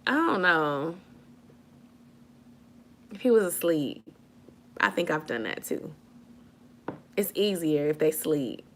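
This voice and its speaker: Here the late-twenties vlogger talks in a low-pitched voice at a slow pace, leaving long pauses, with a bit of hiss or hum on the recording. She's chatting with live viewers from home, going through their comments, full of slang and frequent laughter.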